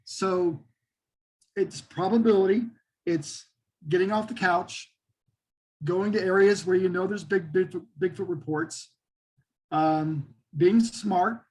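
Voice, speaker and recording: Middle-aged male, high voice with a husky edge; folksy, keen interview guest. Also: steady tone, slow, long pauses, darkish tone, low-quality recording. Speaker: interview guest, Bigfoot researcher. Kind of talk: casual interview talk.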